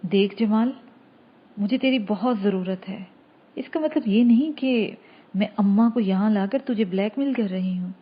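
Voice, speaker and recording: A tender, coaxing young woman in a spoken audio novel, voiced by a woman reader. She sounds soft and husky, and the recording is a little dull. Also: mid-range voice, natural voice. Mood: pleading. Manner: tender, loving tone. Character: young woman, affectionate and persuasive.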